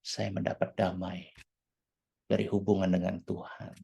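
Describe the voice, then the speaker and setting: A woman's voice: very deep voice, little pitch movement, unhurried, gravelly, mellow, husky. A woman teaching a church leadership class, acting out quoted dialogue with animation and dropping English words into her talk.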